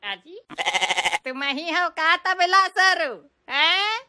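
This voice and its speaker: A woman's voice: very high-pitched, very slow, pushed and bright, heavily acted. A woman playing a preachy old village grandmother who scolds the teacher. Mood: scolding.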